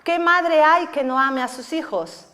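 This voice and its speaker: Woman pastor, middle-aged, high voice, chatty sermon delivery in a reverberant church. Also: a little slow, pushed and bright. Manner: conversational preaching with frequent tag questions.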